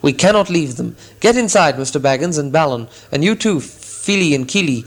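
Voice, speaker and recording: A man's voice: fairly high pitch, lively intonation, normal speed. A man doing a proud, commanding dwarf leader. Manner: firm, commanding.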